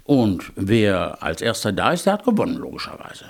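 A man's voice: lowish voice, wildly swooping pitch, normal speed, creaky, voice pushed down, exaggerated voice. A man voicing a polite, cunning male hedgehog in a storybook tale, cheerful and scheming. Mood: eager. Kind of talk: storybook character voice.

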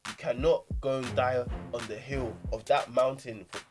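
A young man with a London roadman accent in an animated casual debate, insistent, repeating himself and talking over others. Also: mid-range voice, normal speed, soft background music. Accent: London, urban roadman slang. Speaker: podcast panellist.

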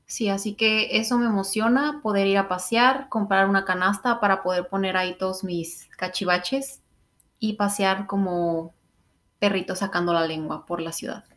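A woman's voice: mid-range voice, steady tone, moderate pace, fairly bright tone. A young adult woman with a Mexican accent, co-hosting a podcast in a chatty, informal, playful way. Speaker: podcast co-host. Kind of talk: casual chat.

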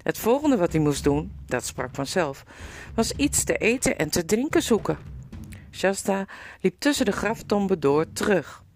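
A woman's voice: medium pitch, very animated, a little slow, darkish tone, a little hiss or hum. A woman narrating a storybook expressively, with vivid storytelling. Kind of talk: storybook reading.

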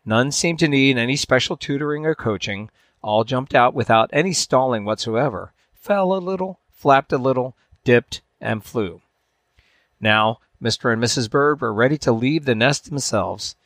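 A man hosting a podcast, reading a fable aloud in a measured storytelling way, with dramatic swings in pitch and loudness. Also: dry recording, clean studio sound. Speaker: podcast host.

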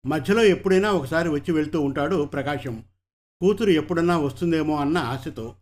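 A man narrating an audiobook story in a steady, measured way. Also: fairly high pitch.

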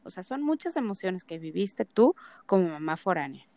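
A woman's voice: on the low side, sing-song, moderate pace, darkish tone, no echo. A woman from Mexicali co-hosting a podcast, asking her friend questions in a supportive, casual way. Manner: supportive listener, frequent affirming interjections. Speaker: podcast co-host. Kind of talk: casual chat.

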